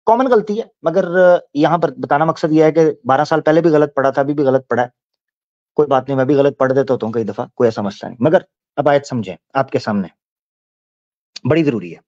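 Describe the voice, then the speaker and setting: A man giving Islamic commentary, explaining points and reciting verses slowly. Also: mid-range voice, a little mellow, no echo, muffled recording. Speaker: religious commentator.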